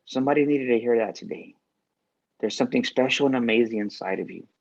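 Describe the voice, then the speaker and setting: A man's voice: medium pitch, fast, vocal fry, a little mellow, highs cut off. A man giving a faith-based motivational speech as a guest speaker, repeating key lines for emphasis.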